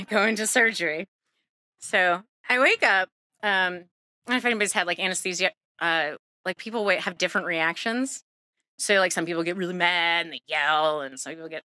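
A woman in her thirties telling a true story live on stage, lively and laughing, acting out the people she quotes with big jumps in pitch. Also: dry recording, clean studio sound.

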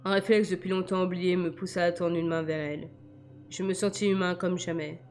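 A woman reading a novel aloud in a measured, quiet first-person narration. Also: fairly low pitch, flat delivery, faint music behind. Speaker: audiobook reader.

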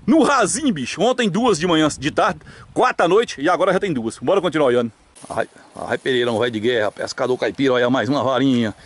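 A man with a Brazilian caipira country accent giving casual, excited, jokey fishing commentary outdoors from behind a handheld camera. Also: mid-range voice, fast. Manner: animated, jokey, exclamatory. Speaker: vlog host and cameraman. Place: open hillside pasture by ponds, outdoors.

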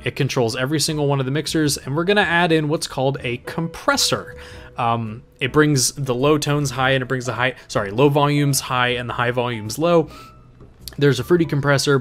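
Young man rambling through a software tutorial. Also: medium pitch. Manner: rambling, filler-heavy, self-correcting. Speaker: tutorial host. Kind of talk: casual screen-recorded software tutorial. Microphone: home desk microphone.

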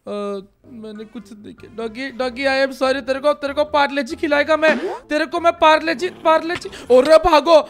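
A young man with an Indian accent and a sore throat, giving loud, excitable Minecraft commentary and yelling at game characters. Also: very high voice, normal speed, few pauses. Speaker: gaming YouTuber. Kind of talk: Minecraft let's play commentary. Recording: faint music behind the voice.

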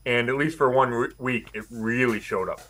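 A middle-aged man with a medium-pitched voice gives sports analysis. He talks conversationally, as a guest on a video call. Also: moderate pace, a bit bright, poor audio. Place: small room indoors, on a video call.

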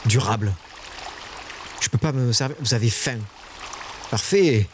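A man streaming a survival game, talking to his chat in casual live commentary and shrieking high when startled. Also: a little slow, noisy background.

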